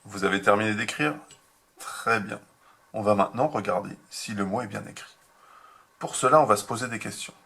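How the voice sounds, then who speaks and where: Gravelly, husky man teaching small children. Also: lowish voice, sharp tone. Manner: slow, patient, spells out each step for children. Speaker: kindergarten teacher. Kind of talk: remote handwriting lesson for young children.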